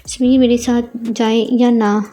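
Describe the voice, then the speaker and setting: A woman voicing a hurt, proud young bride who is a university student, reading in an even, measured way. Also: fairly high pitch, lightly acted. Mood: worried.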